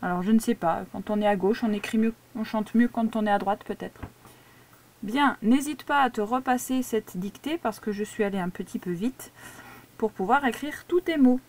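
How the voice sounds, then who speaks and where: A woman's voice: fairly high pitch, moderate pace, darkish tone, a little hiss or hum. A woman teacher giving a dictation lesson to a child, patiently spelling words out syllable by syllable. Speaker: primary school teacher.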